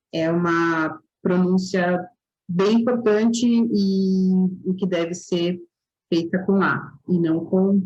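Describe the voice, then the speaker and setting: A woman's voice: mid-range voice, darkish tone, highs cut off. Brief: woman instructor, Brazilian Portuguese accent, friendly explanatory lecture over a video call, mid-range voice. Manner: friendly, explanatory, with filler pauses. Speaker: course instructor. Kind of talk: live online lecture.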